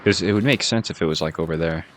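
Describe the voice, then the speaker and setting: A man with a deep, low voice and a Boston accent talks through a calm gameplay session. He thinks out loud in an easygoing way and laughs lightly at his own slips. A faint hiss sits under the recording. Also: fast. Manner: laid-back, musing aloud, chuckles at himself. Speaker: gaming channel host. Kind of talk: casual relaxed gameplay commentary.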